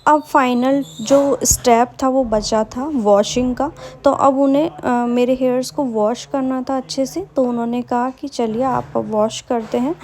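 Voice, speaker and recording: Chatty young woman with a mellow voice. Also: a little high. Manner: chatty, enthusiastic, repeats "matlab" and "bahut hi". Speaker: vlogger. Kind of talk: casual vlog voice-over.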